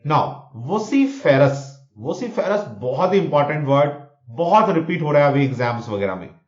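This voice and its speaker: Speaking a little slowly, on the high side with big pitch swings, this exam coach repeats vocabulary words in Hindi and English and explains them with mnemonics. He regularly asks "theek hai na?" to check on students, in an echoey room with dull lo-fi sound.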